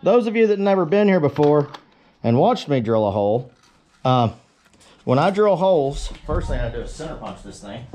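With a mellow, sing-song voice that sits a little high, a blacksmith chats at normal speed through an unscripted workshop tutorial. He talks to viewers in a folksy, plain-spoken way amid the noise of power tools and clatter in his cluttered forge.

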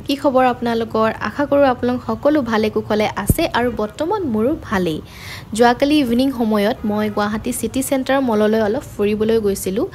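Rapid-talking young woman vlogging. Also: a little high, a little mellow, slight background noise. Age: young adult. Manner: cheerful, chatty welcome to viewers. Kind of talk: casual vlog greeting. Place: city street outdoors at night. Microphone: phone held at arm's length.

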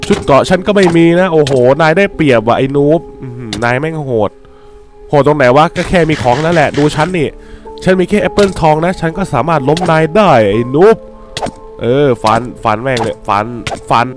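Young man, gaming commentary, playful teasing, excitable, faint music behind. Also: fairly high pitch, fairly quick. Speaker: gaming YouTuber. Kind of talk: casual game commentary.

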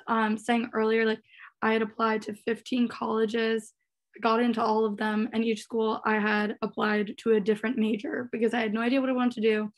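A woman in her twenties, a recent graduate on a panel, telling a story in fast, chatty talk over a laptop microphone on a video call. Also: on the high side. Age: 20s.

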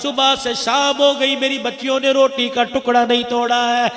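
A woman's voice: on the high side, little pitch movement, moderate pace, fairly bright tone, lightly acted. A male preacher voicing a stern, devout elderly wife scolding her husband, in an echoey hall.

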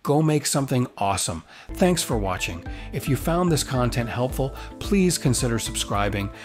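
This tutorial host has a mid-range, sing-song voice and moves at a moderate pace. His scripted narration is upbeat and promotional, full of enthusiasm, with music underneath.

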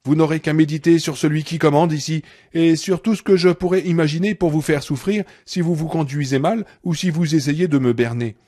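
A man's voice: a little high, fairly even intonation, brisk, few pauses, warm tone, lightly acted. A male reader voicing a sarcastic, menacing woman nurse who holds a man captive in an audiobook. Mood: menacing rage. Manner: sarcastic, seething, sudden rage.

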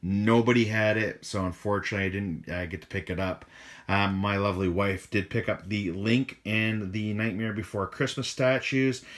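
A man speaks in a slightly hoarse, somewhat low voice, as if he has partly lost it. He rambles comfortably through a casual vlog rundown, with frequent "um"s and "uh"s between thoughts. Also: normal speed. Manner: relaxed, many fillers like um and uh. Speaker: toy collector vlogger.

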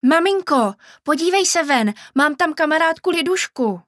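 A woman's voice: medium pitch, lively intonation, no echo, studio quality, close to an everyday voice. A woman voicing a curious, eager young boy in a storybook reading, raising her voice to sound childlike. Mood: excited.

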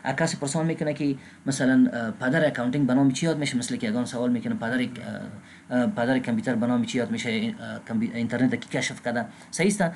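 A man with an Afghan Dari accent gives a recorded accounting lecture, reading English terms slowly and pausing with filler sounds. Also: mid-range voice, fairly even intonation, a little mellow, slight background noise. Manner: frequent filler sounds and restarts. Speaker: accounting instructor.

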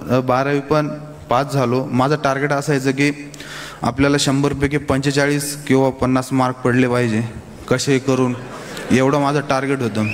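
Guy telling his story to a youth crowd, lots of "uh", long echo in a big hall with faint hiss. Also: medium pitch. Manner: plain, hesitant storytelling with frequent fillers. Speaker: guest speaker at a youth summit. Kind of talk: storytelling talk to an audience.

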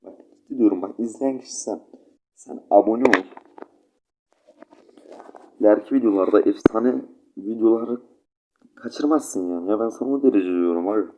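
A man's voice: fairly low pitch, brisk, dark tone, slight background noise, rough recording. Sleepy young man with a stuffy nose. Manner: chatty, rambling, keeps addressing viewers. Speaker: gaming channel host. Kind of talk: casual gameplay commentary.

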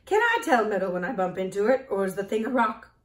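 A woman voicing a bold, matter-of-fact female talking hen in a storybook reading, loud and emphatic, in a roomy, echoey recording. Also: mid-range voice, sing-song, fast, far from the mic, natural voice. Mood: confident. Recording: roomy echo.

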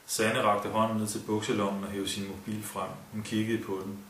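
Casting: male story narrator, low voice, distant in a roomy space with faint ambience. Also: a little hiss or hum. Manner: even, storytelling delivery with joking asides. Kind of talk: scripted narration.

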